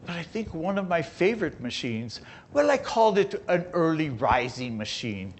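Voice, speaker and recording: A man with a fairly high voice tells a story in the first person, playing a historical figure on stage. He talks in an animated, wide-eyed way, lingering on each discovery. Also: normal speed. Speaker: chautauqua performer.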